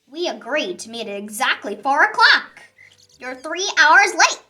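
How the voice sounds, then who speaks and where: Woman playing furious storybook grudge-holder: high, forceful, scolding. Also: very animated, measured pace, exaggerated voice. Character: furious, huffy grudge-holding friend of the grape, Lenny. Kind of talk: children's picture book read-aloud.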